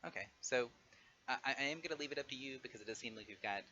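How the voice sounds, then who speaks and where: A man running an online tabletop game as game master, explaining and narrating in a halting way. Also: medium pitch, pushed and bright. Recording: dull audio with faint noise.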